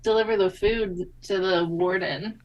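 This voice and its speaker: A woman's voice: medium pitch, fairly even intonation, measured pace, a little hiss or hum, low-quality recording. A woman playing in a tabletop game, offering tentative ideas that trail off. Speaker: player. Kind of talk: tabletop role-play chat.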